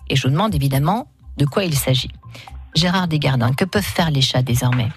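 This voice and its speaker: Low-pitched woman radio host. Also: expressive, fairly quick, faint music behind. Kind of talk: lively casual radio chat and game presenting.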